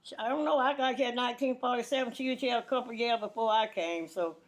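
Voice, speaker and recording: A fast-talking woman with a fairly high-pitched voice reminisces in a casual oral-history interview. She is in her nineties, from Louisiana, with a Southern accent, and her plain-spoken recollections are full of repeated words and restarted sentences.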